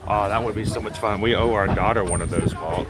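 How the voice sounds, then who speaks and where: A man's voice: on the low side, fast talker. A man hosting a livestream outdoors, chatting casually with his viewers. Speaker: livestream host. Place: outdoors at a theme park safari ride. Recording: loud outdoor vehicle and ambient noise.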